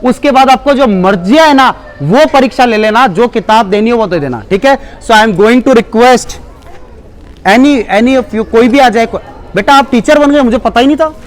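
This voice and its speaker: A man's voice: very high voice, normal speed. A man giving a live demonstration speech at a school seminar, coaxing the children and mixing in English phrases. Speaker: seminar presenter.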